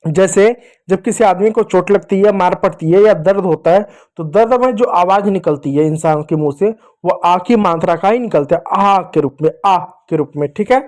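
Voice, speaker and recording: A man with a high, light voice gives a patient reading lesson for children. He repeats each sound slowly, asks a question and answers it himself, and keeps calling his listeners dear children. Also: a little mellow. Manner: addresses the viewers as dear children. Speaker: teacher.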